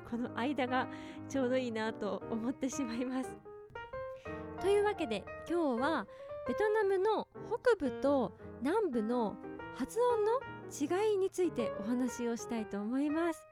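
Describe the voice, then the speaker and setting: High-voiced woman podcaster. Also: no room sound. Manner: chatty, friendly, lively asides and rhetorical questions. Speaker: podcast host. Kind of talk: casual solo podcast talk.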